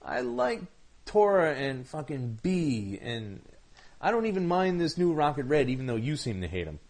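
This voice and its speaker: A man's voice: on the high side, big pitch swings, normal speed, darkish tone. A man co-hosting a casual podcast about comic books, joking, swearing freely and laughing often. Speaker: podcast co-host.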